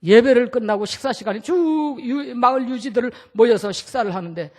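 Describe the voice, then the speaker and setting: A male pastor delivering a sermon in a church sanctuary. His voice is very high-pitched for a man and his delivery is emphatic, jumping from loud cries to hushed, low phrases. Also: a little fast. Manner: emphatic, swings from loud shouts to quiet lines.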